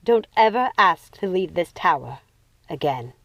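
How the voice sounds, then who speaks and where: A woman's voice: on the low side, lively intonation, measured pace, no echo. A woman voicing a vain, domineering mother villainess in a storybook, theatrical and condescending. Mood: menacing.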